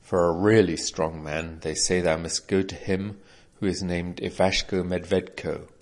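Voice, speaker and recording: A towering giant, modest about his strength, speaking in an old-fashioned formal way, as a man reads him. The voice is very low. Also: flat delivery, measured pace, darkish tone. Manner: archaic, formal speech. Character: huge male giant fisherman, modest.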